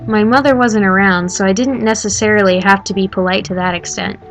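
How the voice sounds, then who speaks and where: A woman's voice: medium pitch, steady tone, a little fast, faint music behind. Woman reading a story game with sarcastic asides. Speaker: game streamer.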